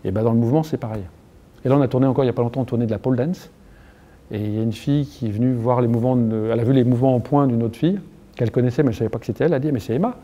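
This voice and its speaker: A middle-aged man with a French accent speaks in an unscripted interview, earnest and halting, often restarting his sentences. His voice is very dark and mellow, sitting at an ordinary pitch for a man. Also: steady tone, dull audio. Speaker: motion capture engineer being interviewed.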